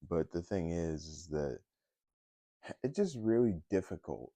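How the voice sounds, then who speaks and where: A man's voice: deep voice, animated, unhurried, mellow, no echo. A young man talking in a casual personal vlog, hesitant, with many fillers and restarts. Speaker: vlogger.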